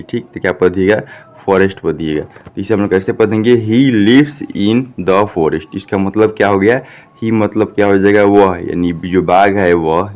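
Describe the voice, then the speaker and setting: A man's voice: sits low, darkish tone, clear, resonant tone. A man, teaching a classroom English lesson, who spells out words and keeps checking with "ठीक?". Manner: repeats "ठीक?" often, asks and answers his own questions.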